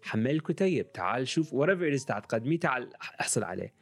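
A man with an Iraqi accent talks quickly in a medium-pitched, slightly husky voice. He slips English phrases into his Arabic as he coaches in a casual, conversational style. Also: big pitch swings.

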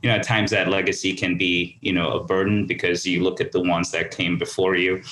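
Deep, flat-voiced man in an echoey room. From Somaliland, raised in the UAE. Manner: halting, earnest, with frequent restarts. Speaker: podcast guest. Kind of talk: conversational storytelling. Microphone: remote call. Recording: echoey room over a call.

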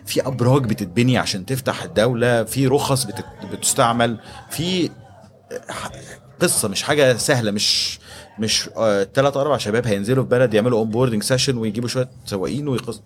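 A man in his 30s with an Egyptian accent speaks quickly at a medium pitch as a podcast guest. A startup executive, he tells his story conversationally in an interview, mixing English business terms into his speech.

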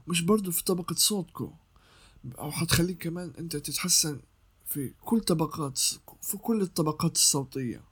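A man's voice: fairly high pitch, breathy edge. A young man explains voice-over technique in a casual tutorial, repeating points as he teaches. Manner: explanatory, repeats himself, sings scale notes.

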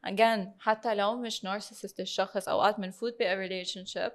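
Woman, Lebanese Arabic accent, medium pitch, casual advice-giving, frequent English code-switching. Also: steady tone, fast. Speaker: discussion panelist giving advice. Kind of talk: casual discussion.

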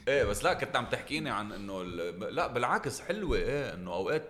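Fast-talking Lebanese man in casual chat. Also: medium pitch. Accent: Lebanese Arabic. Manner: animated storyteller, laughs often. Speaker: podcast host. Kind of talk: casual chat among friends.

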